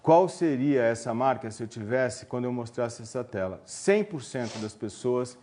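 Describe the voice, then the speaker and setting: This webinar presenter is a man with a Brazilian Portuguese accent whose warm, medium-pitched voice moves at normal speed with lively intonation. He's teaching a live online marketing class, joking around chattily with viewers, his speech full of fillers.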